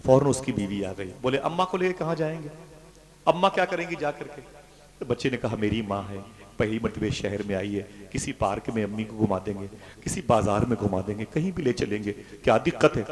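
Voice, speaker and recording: A man preaching an emotional story-driven sermon, swinging from loud declaiming to hushed, grieving tones. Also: fairly low pitch, lively intonation, brisk. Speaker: Islamic speaker.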